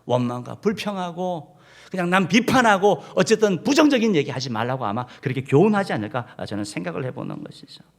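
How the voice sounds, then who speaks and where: A man's voice: fairly high pitch, sing-song, quick pace, gravelly. A man, a senior pastor, preaching a sermon and speaking directly to his congregation, now and then leading them in reading aloud. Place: church sanctuary.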